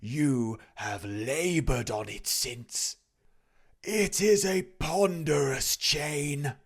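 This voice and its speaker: A man voicing a tormented male ghost in chains, howling his words in a drawn-out, mournful way. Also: on the high side, husky, voice pushed up, exaggerated voice. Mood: wailing.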